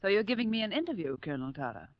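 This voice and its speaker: Actress as plucky American reporter, grave wartime radio. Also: female voice, medium pitch, very animated, very fast, no echo, close to an everyday voice. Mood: frank, challenging. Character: plucky, defiant American woman war reporter held prisoner. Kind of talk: 1940s radio acting, grave war drama narration. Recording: muffled old 1940s radio recording.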